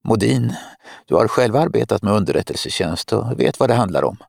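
A man reading the part of a cold, scheming woman spymaster who mocks and lectures her captive, his voice gravelly and low. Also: animated, a little mellow, dry recording, clean studio sound. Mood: mocking. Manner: mocking, lecturing, menacing.

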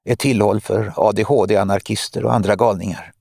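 Audiobook villainess, cold, mocking spymaster woman, read by a man, gravelly, close and dry. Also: lowish voice, steady tone, darkish tone, dry recording. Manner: mocking, lecturing, menacing. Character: cold scheming woman spymaster, middle-aged.

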